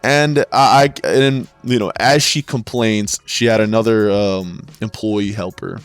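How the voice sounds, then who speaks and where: A man's voice: fairly low pitch, steady tone, unhurried, clean tone, dry recording, soft background music. A man who works in retail sales, telling stories in an exasperated, profane rant with frequent stumbles and restarts. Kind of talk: ranting storytelling.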